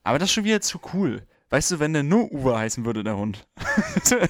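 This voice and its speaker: Male podcast co-host, mid pitch, teasing and crude, dry recording. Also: very animated, quick pace, dry recording. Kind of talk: casual chat.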